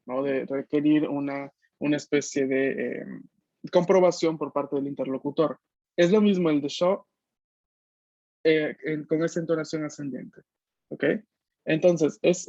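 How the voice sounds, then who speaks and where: A man with a fairly high voice teaches an online language class, explaining step by step and checking that everyone follows. The sound is dry and slightly dull, like a video call. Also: mellow, no echo. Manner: patient, explanatory, checks understanding often.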